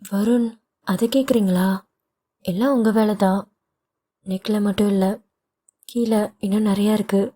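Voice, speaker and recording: A woman's voice: medium pitch, fairly even intonation, measured pace, pauses often, mellow, natural voice. A woman voicing a young pregnant wife who is playful, coaxing and caring, in a read audio novel. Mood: soothing.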